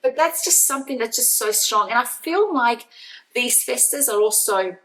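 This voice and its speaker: A woman's voice: on the high side, lively intonation, moderate pace, fairly bright tone, poor audio. A woman in her fifties hosting a family travel vlog, chatting casually and laughing easily. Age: 50s. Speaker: vlog host. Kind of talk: casual chat.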